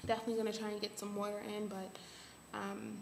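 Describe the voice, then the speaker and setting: A young adult woman giving a casual update to camera, halting as she thinks aloud. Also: medium pitch, level tone, gravelly. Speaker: vlogger. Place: small bare room at home. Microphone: webcam or laptop at arm's length. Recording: echoey room, faint background hiss.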